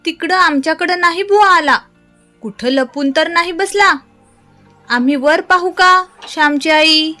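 Woman voicing excited village boys, loud calling, high voice, storybook. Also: slow pace, faint music behind. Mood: eager. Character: eager village boys calling for their friend.

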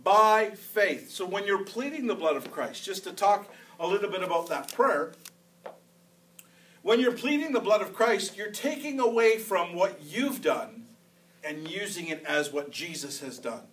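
A man's voice: high voice, expressive, moderate pace, far from the mic, rough recording. A man preaching a sermon as pastor, in a conversational style that repeats phrases for emphasis. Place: church sanctuary.

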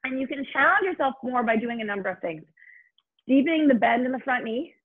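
High, breathy woman, aerobics instructor. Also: lively intonation, brisk, phone-quality sound. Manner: upbeat, encouraging, urging coach with short commands. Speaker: fitness instructor and host. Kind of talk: aerobics instructor leading a workout, calling counts and cues.

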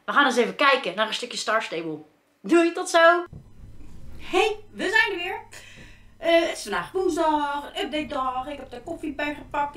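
A woman talks her way through a game in a chatty, easily distracted way, often breaking into sudden exclamations. Her voice is bright and pitched fairly high, with a lively, swinging delivery. She sits back from her microphone in an echoey room, and keyboard typing can be heard behind her. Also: distant mic. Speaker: gaming vlogger. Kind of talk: casual gameplay commentary. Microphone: desk microphone. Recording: echoey room, mic off to the side.

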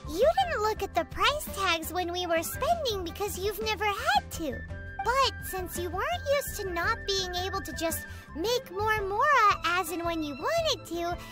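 A tiny, bossy floating companion in a game, squeaking at a very high pitch and bouncing all over her range as she teases and talks about herself in the third person. Loud game music plays behind her. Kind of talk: video game voice acting.

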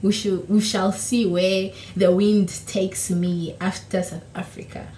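With a warm, mid-range voice that moves little in pitch, a young Namibian woman speaks a little slowly; Oshiwambo is her first language. She's a YouTuber answering questions in a relaxed, chatty vlog, laughing and self-correcting. She's seated in front of a camera in a small home room that sounds echoey with a faint hiss.

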